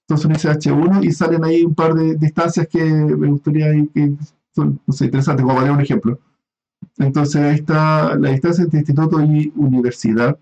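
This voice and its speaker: A man's voice: on the high side, level tone, fairly quick, warm tone, dull audio. A man giving a recorded online class, explaining step by step with frequent fillers and checking in with his students. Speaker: university lecturer.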